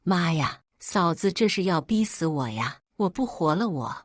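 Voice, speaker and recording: A woman's voice: on the low side, sing-song, moderate pace, no echo, clean studio sound. A woman voicing a melodramatic young sister-in-law in a read-aloud family drama story, wailing theatrically.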